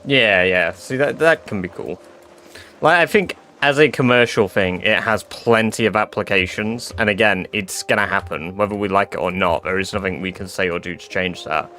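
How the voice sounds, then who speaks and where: With a low, sharp-toned voice at a moderate pace, an English man from England banters loosely with live-stream viewers, swearing casually and using lots of fillers. His accent mixes in northern English touches, and there's slight background noise.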